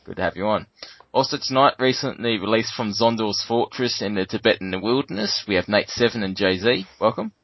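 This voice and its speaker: A man with an Australian accent and a fairly low voice hosts a fan sports panel. The recording is dry and a little dull. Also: lively intonation, a little fast, dry recording. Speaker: podcast host.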